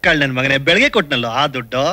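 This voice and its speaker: An actor playing an exasperated man who scolds and questions a bumbling helper in an expressive way, in a film comedy scene. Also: mid-range voice, rapid-fire, no echo. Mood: angry. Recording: film soundtrack with faint music.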